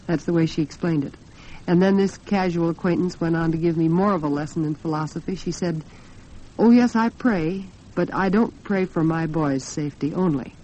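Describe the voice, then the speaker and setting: Speaking at a moderate pace in a mellow voice that sits on the low side, this American woman hosts a 1940s radio talk show in a studio. She keeps it conversational and addresses her audience directly, heard through a muffled, noisy period broadcast.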